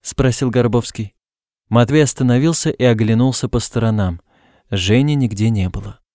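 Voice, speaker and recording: A man reading a novel aloud as narrator, calm and steady, raising his voice for the characters' shouts. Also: mid-range voice, moderate pace, no room sound, clean studio sound. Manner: reads calmly, lifts his voice for characters' shouts.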